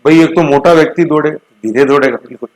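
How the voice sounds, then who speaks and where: A man's voice: on the high side, quick pace, poor audio. A middle-aged man, teaching current affairs for exam prep in a chatty way, checking in often with his students. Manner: chatty, repeats checks like "theek hai na".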